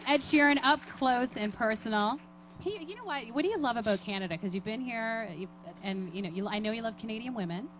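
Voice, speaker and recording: A woman's voice: fairly high pitch, animated, quick pace, muffled recording, slight background noise. Teasing woman radio host. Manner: teasing, chatty questions. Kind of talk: lively interview hosting. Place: theatre with a live audience.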